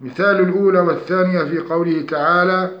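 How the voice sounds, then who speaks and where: A male teacher with a slightly high voice explains recitation rules point by point, calm and methodical, slowing down to recite examples. The room rings with echo, and the lo-fi recording sounds dull. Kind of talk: structured lesson on recitation rules.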